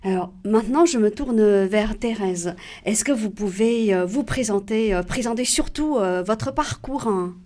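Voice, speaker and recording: A woman's voice: medium pitch, measured pace, hardly any pauses, darkish tone. A woman hosting a radio interview, encouraging her guests and finishing their sentences.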